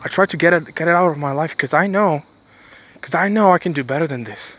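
A man with a somewhat high voice delivers a preachy motivational monologue. He hammers his points home by repeating phrases and keeps restarting sentences as his thoughts run ahead. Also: fast, a bit bright, husky. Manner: emphatic, repeats phrases for stress; rambling with frequent restarts.

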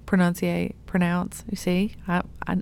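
A woman's voice: on the low side, level tone, measured pace, gravelly, darkish tone, clean tone. A young adult woman youth pastor giving an earnest, encouraging devotional talk, laughing at herself now and then.

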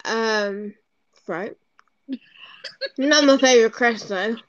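A woman co-hosting a podcast in casual chat, excitable and fangirling, swearing freely. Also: a little high, slow pace, no echo, highs cut off. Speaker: podcast co-host.

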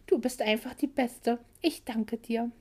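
A woman voicing an excitable young woman. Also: a little high, unhurried.

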